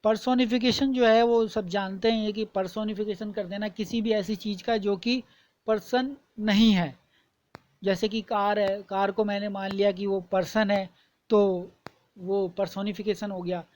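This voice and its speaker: A woman teaching a lesson, explaining terms patiently, repeating points and reading examples slowly and deliberately. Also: mid-range voice, fairly even intonation, a little mellow, rough recording.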